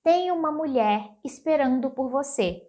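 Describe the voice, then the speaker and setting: A woman teaching English in a casual video lesson, animated and chatty, who slows right down for her English example sentences and speeds up for her explanations. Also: high voice. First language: Portuguese.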